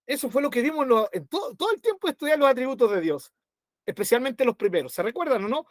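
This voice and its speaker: A man's voice: extremely high pitch, very animated, fast talker, no room sound, clean studio sound. A man teaching a Bible study to his congregation, conversational, with constant rhetorical tag questions.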